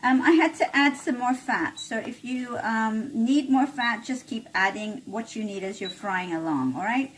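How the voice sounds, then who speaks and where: A woman with a slightly high voice talks through a recipe in her home kitchen, relaxed and conversational. She keeps checking in with the viewer as she goes, and a faint noise sits under the recording. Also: a little slow, few pauses. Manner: chatty, with frequent "all right?" check-ins. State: coughing a little from chili fumes. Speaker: cooking channel host. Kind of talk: casual cooking demonstration.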